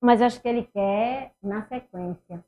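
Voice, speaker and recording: A woman leads a grammar lesson. Her voice sits a little high, and she keeps asking questions and then answering them herself. Her loudness rises and drops from one phrase to the next as she works through the answers. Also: measured pace, dull audio. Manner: lively, rhetorical questions, swings loud and soft. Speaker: Portuguese teacher. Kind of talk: exam review lesson.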